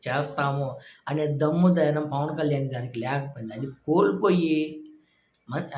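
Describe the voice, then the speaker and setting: A man's voice: fairly high pitch, echoey room, dull audio, a little hiss or hum. A man commenting sarcastically on political speech clips in a casual, scoffing way.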